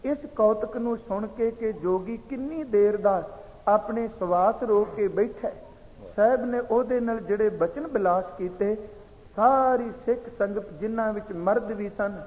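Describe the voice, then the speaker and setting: A man giving a slow, measured sermon that explains recited verses, heard as tinny sound in a reverberant hall. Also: sits high. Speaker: preacher. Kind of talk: katha sermon.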